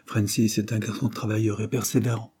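A man voicing a tired, patient father with a dry humor in an audiobook, speaking calmly and gently wry. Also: on the low side, brisk, husky.

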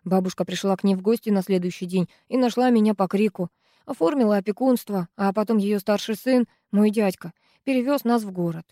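A woman voicing a blunt, sullen teenage girl in an audiobook, speaking curtly and flatly. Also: medium pitch, a little fast, no room sound, clean studio sound, natural voice.

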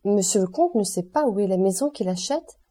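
A woman's voice: mid-range voice, expressive, a little fast, mellow, natural voice. A woman reading the part of an eager, deferential male notary who speaks hesitantly, in an audiobook. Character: eager, obsequious small-town male notary.

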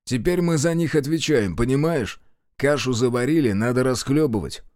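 A man's voice: medium pitch, normal speed, darkish tone, no echo, clean studio sound, lightly acted. A man voicing a blunt, stubborn male partisan commander in an audiobook. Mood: stern. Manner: blunt, gruff.

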